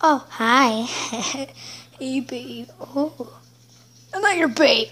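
A woman with a high voice narrates toy play, talking at an unhurried pace. She rambles playfully and slips in and out of silly voices. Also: fairly bright tone, raised voice.

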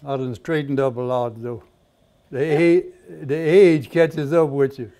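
A man's voice: mid-range voice, steady tone, unhurried, dark tone. An elderly man with a Cajun Louisiana accent, casually telling stories and explaining his home cooking in plain, folksy short phrases. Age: elderly, 70s or older. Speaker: home cook and storyteller. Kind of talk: casual cooking demonstration and storytelling. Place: home kitchen, indoors. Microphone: lapel microphone. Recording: clearly audible room and kitchen noise.

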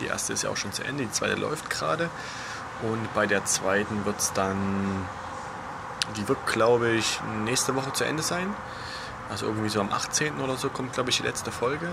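A young man talks in a hushed, almost whispered undertone. His voice sits fairly low and has a strong creak. He chats casually into a camera held at arm's length, outdoors with clear urban noise behind him. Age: young adult. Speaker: gaming vlogger. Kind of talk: casual vlog chat. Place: outdoors on an apartment balcony.

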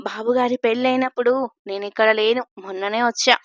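A man's voice: extremely high pitch, fairly even intonation, a little fast, a bit bright, dry recording, lo-fi sound. A woman reading the part of a sleazy, tipsy male servant with a leering way of talking. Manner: sleazy, wheedling, then pleading.

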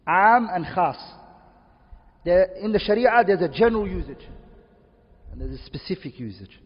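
Male teacher quizzing a class. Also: high voice. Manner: quizzes students with repeated questions; repeats key terms slowly. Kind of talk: classroom lesson. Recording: dull distant audio in echoey room.

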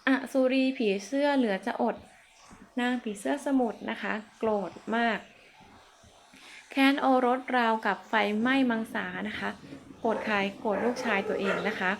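A woman's voice: on the high side, a little slow, a bit bright, a little hiss or hum. A woman teaching Thai literature. She reads lines of classic verse aloud, then explains them in plain words, and she often adds polite sentence endings. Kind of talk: lesson, explaining classic verse and exam questions.

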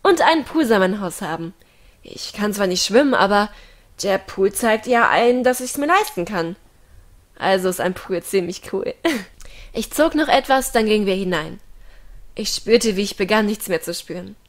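A woman reading a first-person audiobook dramatically and emotionally, swinging from hushed, whispered passages to loud, strained ones. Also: mid-range voice, animated, moderate pace. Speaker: audiobook reader.

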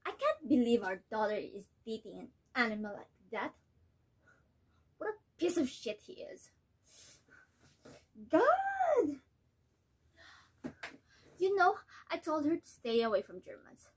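Woman acting an exasperated, high-pitched angry mother. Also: lively intonation, husky. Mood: outraged. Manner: theatrical, indignant, despairing, with drawn-out words and cries. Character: exasperated, angry, wounded mother ranting to her husband. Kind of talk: dramatic stage monologue. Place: small bedroom, indoors. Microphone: camera a few steps away.

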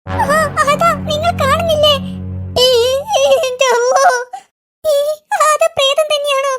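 Squeaky cartoon kids, quick bickering banter, very high voice. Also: female voice, steady tone, fairly bright tone, soft background music, full character voice. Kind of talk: comic cartoon voice acting.

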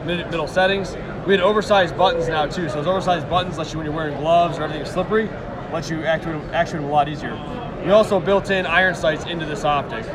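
A man in his thirties with a slightly high voice walks through a product demo in a relaxed, easygoing pitch. He is caught on a handheld phone inside a large indoor trade show hall. Loud crowd noise fills the background. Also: quick pace. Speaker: booth staffer. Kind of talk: product demo and casual chat. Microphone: host's phone, handheld. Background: crowd chatter.

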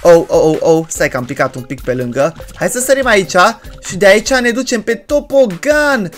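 A gaming channel host giving loud, chatty let's play commentary, often breaking into shouted exclamations and chatting to the game's characters. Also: medium pitch, expressive, soft background music. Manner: chatty, addresses viewers and game characters. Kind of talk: excitable horror-game let's play commentary.

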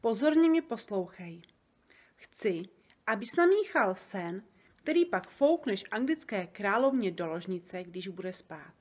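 A woman's voice: mid-range voice, lively intonation, husky. A woman reading aloud and voicing a bold, eager little girl who presses with questions. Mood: insistent.

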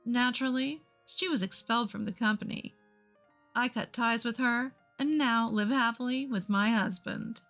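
A woman's voice: on the high side, normal speed, a bit bright, soft background music. A woman giving scripted narration in a matter-of-fact way.

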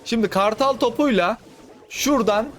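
Young gamer host, high-pitched, quick and excitable, faint background hum. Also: male voice. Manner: fast, excitable, talks to viewers as friends. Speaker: gaming channel host. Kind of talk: live gameplay commentary.

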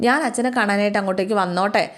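A woman voicing an eager young schoolgirl who pleads in a high, childlike way. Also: very fast, natural voice. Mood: pleading.

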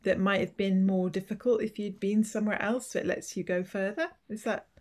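A woman interviewing a guest, asking questions softly and letting them trail off. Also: medium pitch, steady tone, brisk. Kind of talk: casual conversation.

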